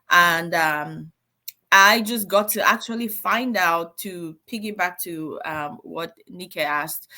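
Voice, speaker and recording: A woman from Cameroon in her thirties, a nurse and coach, chatting in a lively, animated way and laughing often. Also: lowish voice. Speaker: guest, nurse and business coach. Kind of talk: casual podcast chat.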